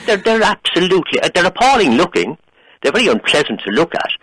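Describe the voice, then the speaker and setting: A man's voice: high-pitched, very animated, fast talker, fairly bright tone, husky, dry recording, rough recording. An Irish man arguing on a radio phone-in in an opinionated, emphatic, condescending way. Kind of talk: heated phone-in debate.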